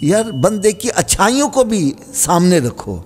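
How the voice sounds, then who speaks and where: A man preaching a sermon, swinging between fervent high cries and soft pleading. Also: very animated, husky. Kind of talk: Urdu sermon. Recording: long hall reverb.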